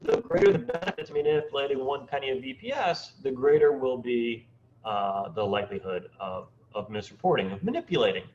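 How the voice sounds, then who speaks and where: A man presenting an academic research seminar, speaking haltingly with many fillers, heard through low sample rate, robotic-sounding online audio. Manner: halting, filler-heavy delivery with lively intonation. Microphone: computer mic on a video call. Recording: dull lo-fi video call audio with faint noise.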